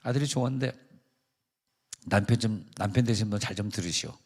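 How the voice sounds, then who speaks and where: A man's voice: lowish voice, brisk, long reverb tail, noisy background. A male pastor giving a conversational, joking sermon to his congregation. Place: large church sanctuary.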